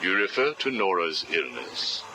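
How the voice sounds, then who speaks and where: A man's voice: sits low, big pitch swings, measured pace. An actor playing a cold, manipulative male interrogator who asks clinical, probing questions, heard as a cassette tape recording. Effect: played back from a cassette tape recording. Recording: hissy cassette tape playback.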